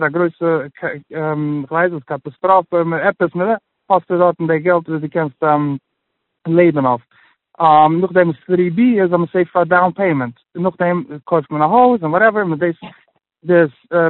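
Halting man on a tinny phone line. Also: on the high side, no room sound. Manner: halting, many restarts, mixes in English phrases. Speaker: guest sharing his personal budgeting story. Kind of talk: casual interview chat.

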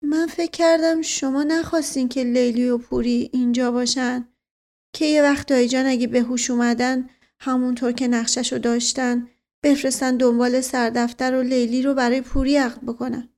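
Woman doing a nervous lovesick young guy in an audiobook, halting pleading questions, bit high. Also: flat delivery, a little mellow. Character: lovesick anxious young man, earnest and fretful. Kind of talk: audiobook character reading.

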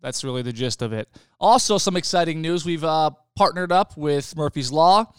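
A young man hosting a casual podcast from his home studio, chatty and quick to laugh, with loose restarts. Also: fairly high pitch, clean tone, dry recording. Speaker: podcast host.

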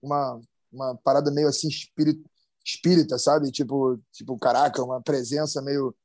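His mid-range voice barely moves in pitch, with a moderate pace and a darkish tone, in clean, echo-free studio sound. The Brazilian pro big-wave surfer shares a slang-heavy story on a podcast, restarting often and adding sound effects.

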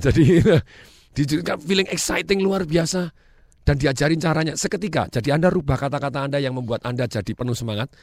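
A man giving an energetic, emphatic motivational talk, with English phrases mixed in and frequent bursts of laughter. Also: medium pitch, no echo, studio quality. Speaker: motivational speaker.

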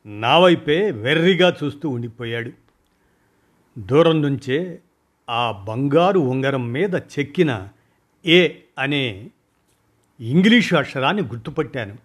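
A man narrating a first-person short story in a measured, deliberate reading. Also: mid-range voice, a bit bright, breathy edge.

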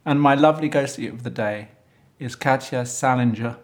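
Woman, very deep voice, interviewer, chatty, breezy, casual slang. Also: moderate pace.

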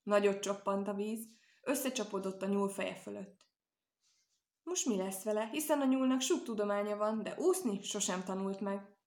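A woman narrating a children's animal tale, in a calm, even storytelling manner. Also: mid-range voice. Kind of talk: storybook reading. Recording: roomy echo.

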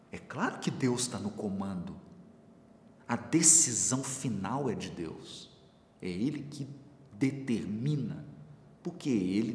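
A man's voice: fairly low pitch, a little mellow. A man teaching a Bible study, explaining with everyday examples and asking his listeners questions. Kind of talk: spiritual teaching talk. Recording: echoey hall with faint room noise.

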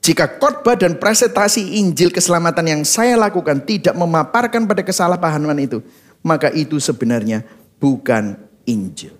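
A man preaching a sermon as pastor, animated, leading the congregation in reading and dropping in English phrases. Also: on the high side, moderate pace. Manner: mimics congregants' reactions in quoted asides.

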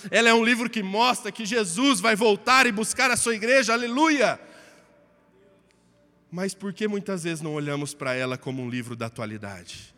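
Brazilian male preacher, impassioned, bright sharp voice, long church reverb. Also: sits high, normal speed, faint music behind. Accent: Brazilian Portuguese. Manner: impassioned, swinging from loud to hushed. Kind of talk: sermon.

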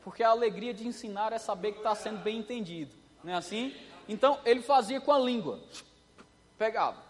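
A man preaching a sermon, telling a story in an animated way and acting out the voices. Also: high voice, brisk, big-room sound.

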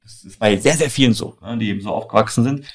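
The voice is a young man's, low and fast. He comes from Germany, having been born in Iran and grown up in Mannheim, and as co-founder and co-host he tells stories about his life in a casual, emphatic, colloquial style aimed directly at the listener.

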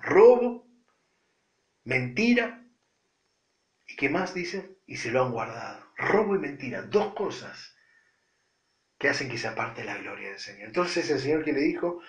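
A man preaching a sermon with a Rioplatense Spanish accent, repeating phrases for stress and swinging between loud and hushed delivery. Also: mid-range voice, big pitch swings, a little slow, pauses often, reverberant.

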